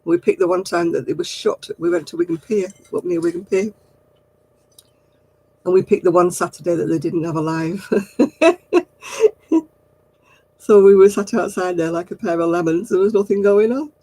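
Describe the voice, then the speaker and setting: Animated and on the low side, her dark, breathy voice moves at a moderate pace with frequent pauses; the recording is rough but has no echo. She's an older woman from Royton, Oldham, speaking with a blend of Oldham and Manchester accents as she casually chats with livestream viewers, rambling homily and chuckling often.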